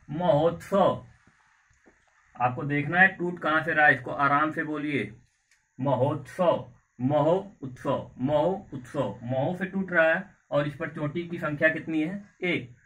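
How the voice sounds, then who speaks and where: A man teaching a grammar lesson in a coaching class, slowly repeating words and asking the class questions. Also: on the high side, bright, forceful tone. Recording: far from mic with faint background noise.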